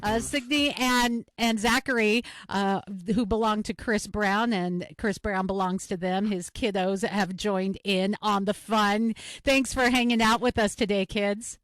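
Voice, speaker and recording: A woman's voice: medium pitch, steady tone, a little slow, no echo. A woman hosting a podcast, chatting casually and upbeat about sports with her guests. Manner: chatty and upbeat, laughs easily. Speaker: podcast host.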